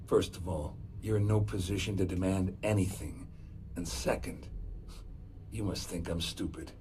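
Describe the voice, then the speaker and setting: Game crook male actor: defiant, blunt, scornful, lowish voice, faint ambience. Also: moderate pace, darkish tone, a little hiss or hum, lightly acted. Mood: defiant, bitter. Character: defiant, self-serving crooked insider cutting a deal.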